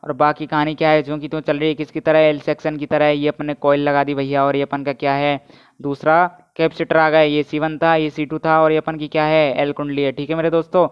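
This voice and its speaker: Male physics tutor, clear but monotone, muffled lo-fi recording, energetic quizzing style. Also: a little high, brisk. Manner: keeps asking students to answer and comment; energetic, repetitive teaching. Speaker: physics teacher. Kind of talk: energetic online lecture. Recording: dull, muffled lo-fi audio.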